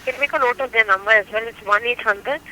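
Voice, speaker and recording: A woman's voice: fairly high pitch, fast talker, pushed and bright. A woman working as a call center agent, giving procedural instructions to a customer over the phone. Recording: phone line with faint noise.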